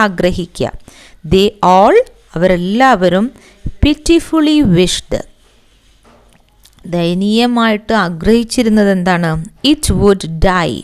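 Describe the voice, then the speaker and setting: A Malayali woman teaching from a textbook in a smooth, clear voice. She reads English lines very slowly, then switches to brisk Malayalam explanations. She poses questions to the class and answers them herself. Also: mid-range voice, lively intonation.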